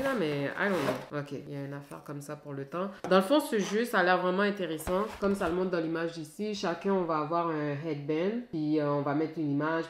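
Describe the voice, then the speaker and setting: A woman's voice: low voice, echoey room, a little hiss or hum. A woman with a Quebec French accent, chatting casually to camera at home in a vlog and slipping English phrases into her talk. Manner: chatty, mixes in English phrases, frequent fillers. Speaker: vlogger. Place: home, indoors.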